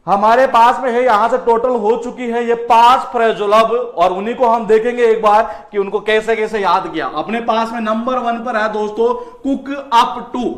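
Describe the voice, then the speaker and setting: High-pitched guy teaching a class, keeps repeating stuff and asking questions back, roomy echo. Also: a bit bright. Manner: repetitive explaining with rhetorical questions. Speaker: English teacher. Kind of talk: classroom lesson.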